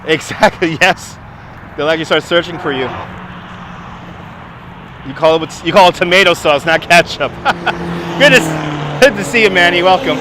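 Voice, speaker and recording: Slight background noise surrounds a man with a New York accent as he hosts a live walking stream outdoors on a waterfront, filmed with a phone on a handheld gimbal. He chats casually, answering viewers with quick laughs. His voice is a little high, pushed and bright.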